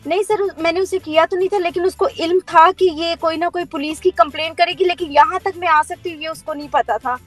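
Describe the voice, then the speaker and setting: A woman's voice: very high-pitched, steady tone, a little fast, few pauses, a bit bright, faint music behind. A woman in her thirties with a Pakistani Urdu accent, giving an earnest, firm account as an interviewee on a call and mixing in English words.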